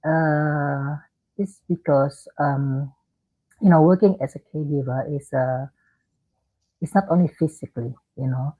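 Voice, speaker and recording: A woman's voice: low-pitched, fairly even intonation, a little slow, mellow. A woman from Indonesia, a guest in an interview, answering hesitantly and searching for words over a video call. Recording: phone-like video call line.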